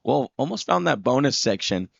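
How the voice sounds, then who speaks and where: A man's voice: medium pitch, big pitch swings, moderate pace, creaky, no room sound. Laid-back surfer guy calling a contest live, dry sound, bit muffled. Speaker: surf contest commentator. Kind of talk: live sports commentary.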